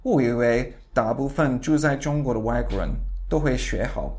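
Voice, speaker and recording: Male interview guest, foreign-accented non-native Mandarin, medium pitch, halting delivery, conversational. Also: a little mellow. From outside China. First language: not Mandarin. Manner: foreigner speaking Mandarin, halting with learner phrasing.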